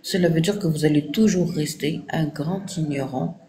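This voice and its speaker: A woman's voice: sits low, moderate pace, crowd noise. A woman with a Moroccan French accent, a university lecturer giving a stern moralizing talk to students and repeating her points for emphasis.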